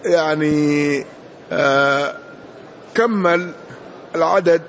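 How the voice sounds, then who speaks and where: A man's voice: on the high side, extremely slow, fairly bright tone. A man teaching as sheikh, explaining a text line by line, correcting the reader and often saying "yes". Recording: dull lo-fi lesson recording.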